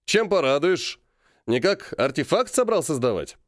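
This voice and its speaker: A man's voice: on the high side, very animated, moderate pace, dry recording, studio quality, pitched above the performer's own voice. A man voicing a jovial, scheming middle-aged colonel who banters and stretches words for emphasis. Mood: bantering.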